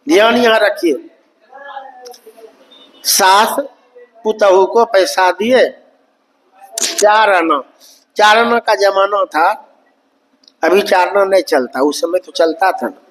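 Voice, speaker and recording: A man's voice: high voice, fairly bright tone, rough recording. A man, telling a folksy story in a sermon to a satsang gathering and briefly acting out the quoted voices. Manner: folksy, acts out quoted voices while narrating. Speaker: spiritual teacher. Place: satsang hall.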